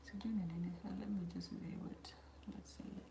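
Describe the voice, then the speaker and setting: Hosting a hair channel livestream, a woman from South Sudan who grew up in Kenya answers viewers' questions casually, mixing English and Swahili in her East African accent. She whispers a little fast in a lowish, steady voice with vocal fry, and the room echoes with faint background noise.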